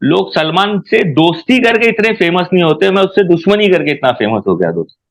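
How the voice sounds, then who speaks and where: A man's voice: sits high, big pitch swings, fairly quick. A man, a guest in an interview, ranting indignantly in heated talk.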